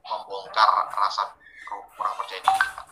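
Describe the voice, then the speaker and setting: A man's voice: on the low side, moderate pace, reverberant, rough recording. A man giving a training webinar, talking casually and putting questions straight to his audience. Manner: lively, questioning audience directly.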